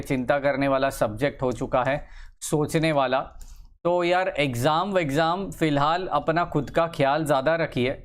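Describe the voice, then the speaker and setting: A young man teaching engineering maths in a casual lecture, encouraging his students, repeating phrases and drawing words out slowly as he writes. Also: on the high side. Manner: encouraging, chatty asides to students. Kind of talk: casual Hindi-English lecture.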